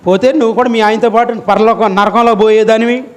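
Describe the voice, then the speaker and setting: A man preaching a fiery, scolding sermon as pastor, voice climbing to shouts. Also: high-pitched, steady tone, brisk. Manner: scolding, emotional, rises to shouting; acts out congregation members in quoted asides.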